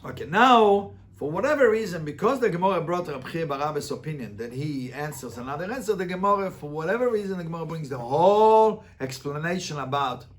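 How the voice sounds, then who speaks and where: Animated and a little fast, with few pauses, a man speaks in a voice on the high side. As a rabbi, he runs an interactive Talmud lesson, reading and translating the text line by line with emphatic questions and repeated phrases.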